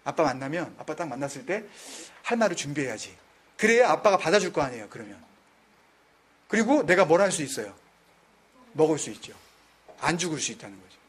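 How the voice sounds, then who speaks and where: A man with a high, husky voice leads a Bible study. He talks casually, drops in English words, and keeps quizzing his listeners. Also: sing-song, brisk, long pauses. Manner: conversational, mixes in English words.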